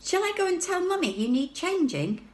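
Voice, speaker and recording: A woman's voice: very high voice, big pitch swings, moderate pace, a little mellow, reverberant, voice pushed up. A woman reading a children's book aloud, voicing a curious, eager young girl who asks question after question. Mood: wondering. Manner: wondering, questioning.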